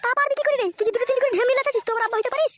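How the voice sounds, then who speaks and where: A woman's voice: very high voice, steady tone, racing, fairly bright tone, slight background noise. A woman voicing a bitter, quarrelling mother in a cartoon who scolds and curses. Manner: scolding, cursing, whining.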